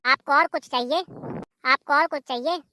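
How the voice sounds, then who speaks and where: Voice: sits high, moderate pace, sharp tone, no room sound. A performer voicing a tart, sarcastic young daughter-in-law.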